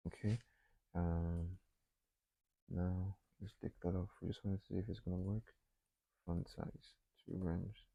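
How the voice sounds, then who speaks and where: A man talking himself through a coding tutorial, thinking aloud with frequent pauses and fillers. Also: deep voice, little pitch movement, vocal fry, dark tone, dry recording, poor audio. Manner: thinking aloud, many ums and restarts. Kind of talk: casual screen-recorded coding walkthrough.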